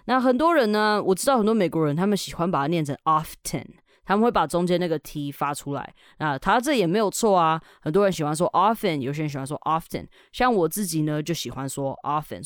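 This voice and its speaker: A woman's voice: fairly low pitch, no room sound, studio quality. A woman hosting a podcast English lesson, upbeat and chatty, slipping English words into her talk. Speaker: English teacher and podcast host.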